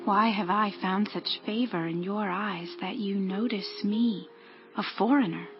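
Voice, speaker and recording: A woman playing a devoted, humble young widowed daughter-in-law in a dramatized scripture reading, earnest and measured. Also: medium pitch, steady tone, close to an everyday voice. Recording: dull lo-fi audio over music.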